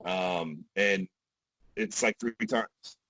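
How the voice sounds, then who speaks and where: A man in his forties talking as a podcast guest, relaxed, with frequent restarts and asides. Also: low-pitched, very slow, no room sound, poor audio. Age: 40s. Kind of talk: casual podcast conversation.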